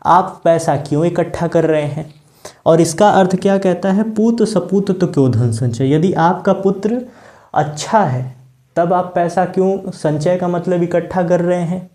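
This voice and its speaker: A man teaching a Hindi grammar lesson, explaining patiently, repeating key words and reciting verse lines slowly. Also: sits high, warm tone.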